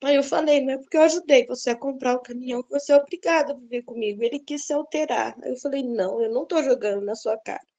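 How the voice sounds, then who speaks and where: A woman's voice: high voice, fast talker, few pauses, warm tone, lo-fi sound. A middle-aged woman, earnestly recounting a personal story and acting out the dialogue. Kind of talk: personal testimony, casual storytelling.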